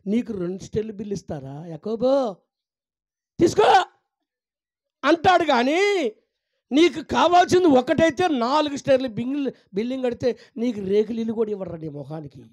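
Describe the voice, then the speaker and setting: A male pastor giving a fasting prayer sermon. He preaches fervently, swinging from loud exclamations to hushed, tender pleading, and calls his listeners child and mother. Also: very high-pitched, animated.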